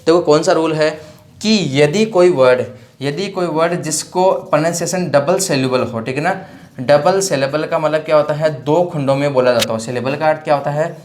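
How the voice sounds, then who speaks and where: A man's voice: a little high, moderate pace. A man teaching an exam-prep grammar lesson, repeating each point and often checking in with his students. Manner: repetitive, checks in with "theek hai na" constantly; spells words out letter by letter. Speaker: English teacher.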